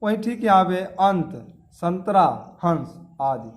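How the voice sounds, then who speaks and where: Male schoolteacher, high voice, drills terms, asks the class questions. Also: expressive, slow pace. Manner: repeats key terms, quizzes students with questions. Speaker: teacher. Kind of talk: classroom grammar lesson.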